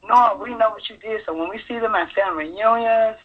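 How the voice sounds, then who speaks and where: A woman calling in to a radio show, telling her personal story in a halting, earnest way. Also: on the high side, husky. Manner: halting, earnest, full of fillers. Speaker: caller sharing her story. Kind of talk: personal testimony on call-in radio. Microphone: telephone. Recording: tinny phone line.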